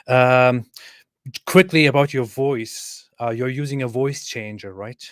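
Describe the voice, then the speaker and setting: A man's voice: medium pitch, a little slow, no echo, clean studio sound. A man hosting a casual livestream interview, speaking hesitantly and often repeating his questions.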